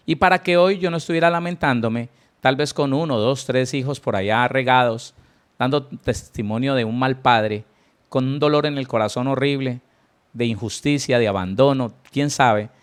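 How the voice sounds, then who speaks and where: Earnest male pastor teaching. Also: medium pitch. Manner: earnest, repeats key words, frequent restarts and fillers; addresses listeners directly with rhetorical questions. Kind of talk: Bible teaching sermon.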